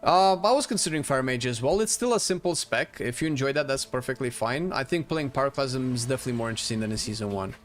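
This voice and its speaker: A man's voice: medium pitch, lively intonation, fast talker, few pauses. A man chatting informally on a live game stream, talking to viewers with the odd swear word. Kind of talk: casual live-stream chat while gaming. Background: faint game music.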